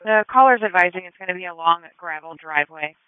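A woman's voice: on the low side, fast talker, smooth, dry recording. Woman dispatcher on narrow ambulance radio. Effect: two-way radio. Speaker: emergency dispatcher. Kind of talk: ambulance radio dispatch, clipped procedural replies. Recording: dry, narrow phone-like radio channel.

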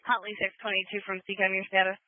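A woman working as a police dispatcher, giving calls in brisk, clipped radio codes over a police radio channel. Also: mid-range voice, completely flat delivery, dry recording. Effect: police radio transmission. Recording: dry tinny radio channel.

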